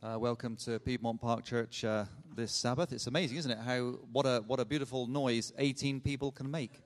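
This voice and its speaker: A man's voice: mid-range voice, fairly even intonation, a little fast. A man giving church announcements to a congregation, hesitant with many filler sounds and light humor. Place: church sanctuary. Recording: echoey church hall.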